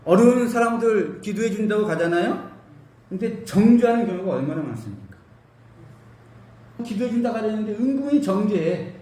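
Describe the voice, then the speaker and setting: A male pastor giving an animated sermon, asking his congregation questions and using everyday cooking comparisons, in a church hall. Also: high voice, moderate pace. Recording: roomy hall, mic at a distance.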